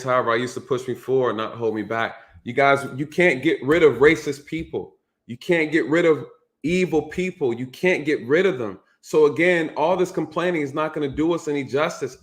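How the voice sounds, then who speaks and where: A man's voice: on the high side, a bit bright. A man hosting a casual call-in show, speaking emphatically and repeating his points. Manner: emphatic, repetitive preaching cadence. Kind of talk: casual live-stream talk.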